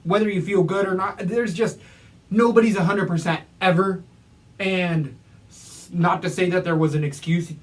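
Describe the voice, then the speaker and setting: High-voiced man co-host, distant mic. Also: fairly even intonation, moderate pace. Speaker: podcast co-host. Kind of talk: casual chat.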